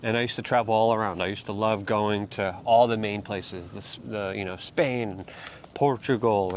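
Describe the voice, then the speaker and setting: A man's voice: fairly low pitch, slight background noise. A man from Poland hosting a casual walk-and-talk commentary outdoors, rambling with fillers and restarts. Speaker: host.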